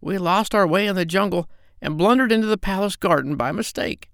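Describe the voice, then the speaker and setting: A man's voice: sits high, fairly quick, creaky, fairly bright tone, no room sound, voice pushed up. A man voicing a clever, scheming female parrot who whispers urgently and puts on a lofty fairy-queen voice. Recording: dry close recording.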